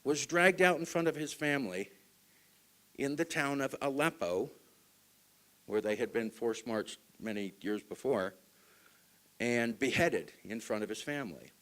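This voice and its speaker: A man from Utah giving a public talk to an audience, asking them questions and swinging between loud stresses and hushed asides. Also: mid-range voice, lively intonation, a little slow, long pauses. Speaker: speaker at a group meeting.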